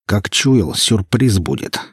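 Man doing gangster boss in his forties, flat and menacing, deep husky voice, dry. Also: no room sound, exaggerated voice. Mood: contemptuous. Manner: flat, slow, contemptuous. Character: cold, menacing 46-year-old gangster boss.

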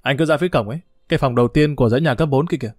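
A man's voice: mid-range voice, very fast, close to an everyday voice. A man voicing a cold, bossy woman nurse giving curt orders. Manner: curt commands.

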